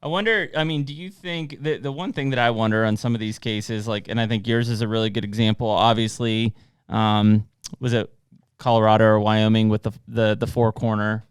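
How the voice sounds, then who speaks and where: Laid back podcast host dude, smooth voice, dry sound. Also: male voice, on the low side, brisk, no room sound. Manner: relaxed, chatty, says "dude". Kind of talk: casual conversation.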